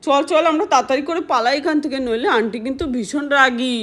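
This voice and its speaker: A woman's voice: high-pitched, quick pace. A woman voicing a bossy older girl in a doll-play story. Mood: excited. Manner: bossy, excited.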